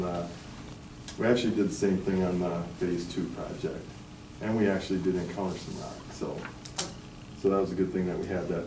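A man standing in a meeting room, steadily walking a school board through bid items and prices. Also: deep voice. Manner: steady, explanatory, reads figures aloud. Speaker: architect presenting bids. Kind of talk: formal presentation at a meeting. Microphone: far camera. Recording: echoey room from far off, background hiss.

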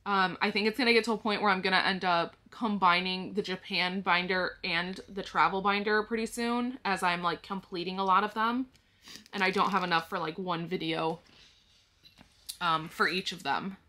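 Bright-voiced woman counting through a budget. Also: fairly low pitch, steady tone, normal speed. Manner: explains step by step and counts money aloud. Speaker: budgeting vlogger. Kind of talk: casual talk-through to the viewers.

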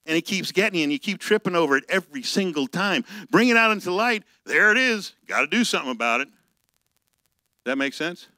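A male pastor giving a conversational sermon, reading scripture slowly and telling personal stories. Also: high voice, expressive, sharp tone, no echo, rough recording.

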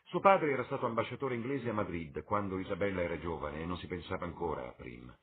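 A man reading a classic novel aloud as an audiobook, measured and expressive. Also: sits low. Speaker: audiobook reader. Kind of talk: literary audiobook narration. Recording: tinny lo-fi with faint hiss.

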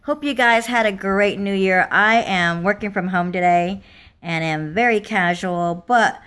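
A woman hosting a casual livestream from home, her voice slightly raspy as she is losing it, chatting with fillers. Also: medium pitch, unhurried, a bit bright. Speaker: livestream host. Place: home, indoors.

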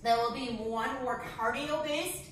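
A breathless woman leads a workout, her high voice counting reps and cueing each move at an unhurried pace. She sounds distant from the mic in a very echoey room, with faint background noise. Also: a bit bright. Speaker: fitness instructor. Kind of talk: workout instruction.

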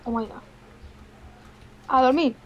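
A woman's voice: sits high, takes it slowly, slightly rough, dull audio. A woman from playing a game with friends, giggly and replying briefly. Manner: giggly, short replies. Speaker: co-player. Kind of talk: casual game chat.

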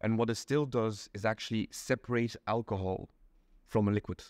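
A young man from Belgium talks as an in an unhurried, methodical way, pausing on ums as he explains. His voice sits a little low, and the room sounds dry and close. He is seated in a small indoor room and recorded on a camera. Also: steady tone, a little mellow, no echo. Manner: patient, explains step by step with many ums. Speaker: interview guest. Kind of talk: casual explanatory chat.

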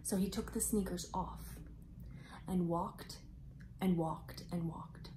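The audio is poor, with slight background noise, as a host in her thirties reads a picture book to young children indoors on a camera mic. Her voice is on the low side, and she stretches her words out expressively.

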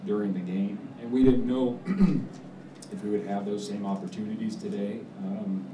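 A man in his forties, a head football coach answering post-game press questions in a measured, halting way with many fillers. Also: on the low side. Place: press room with backdrop, indoors. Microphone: table mic on stand. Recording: roomy, distant mic, background noise.

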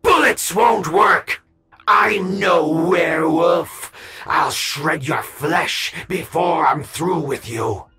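A man's voice: on the high side, sing-song, moderate pace, fairly bright tone, voice pushed up. A man voicing a shrieking hag creature. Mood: shrieking, furious. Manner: wheedling, then shrieking and snarling. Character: inhuman creature posing as a ragged old woman.

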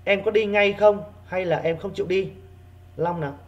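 A male primary school teacher giving an online reading lesson, repeating key words slowly for his pupils. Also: sits high, muffled recording.

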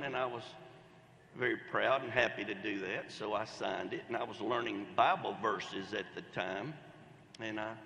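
An older man with a fairly low, bright, forceful voice gives a folksy commencement speech at a podium microphone, telling anecdotes with Southern phrasing in a storytelling manner. The large outdoor ceremony sounds echoey and reverberant, with slight background noise.

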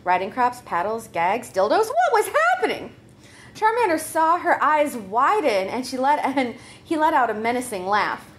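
A troupe member reads her own comedic story aloud live in a high-pitched, very animated voice at a moderate pace. She narrates playfully and gigglingly, readily breaking character.

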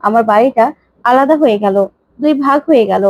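A woman's voice: on the high side, brisk, no echo, muffled recording, close to an everyday voice. A woman voicing a heartbroken middle-aged mother who speaks in a tearful, pleading way. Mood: sorrowful.

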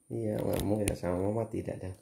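A man's voice: low voice, steady tone, a little fast, vocal fry, background noise. A man filming a casual family vlog, teasing his crying daughter in a playful way and laughing often at home.

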